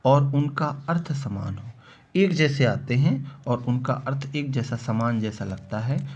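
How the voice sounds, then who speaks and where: A man's voice: mid-range voice, darkish tone. A male Hindi grammar teacher giving a classroom-style lesson. He asks and answers his own questions, repeats the key terms, and stretches out each verse example as a recital. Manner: explains slowly, quotes verse examples in a drawn-out recital. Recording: dull lo-fi sound with faint background noise.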